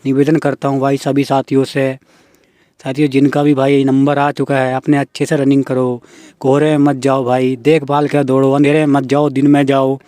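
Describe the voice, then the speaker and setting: Young guy talking to his viewers, earnest and kinda pleading, flat mellow voice, dry close mic. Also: mid-range voice, no room sound. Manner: earnest, pleading, repeats "है ना" and "साथियों". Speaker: exam-prep YouTuber addressing aspirants. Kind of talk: casual talk reading out a news report.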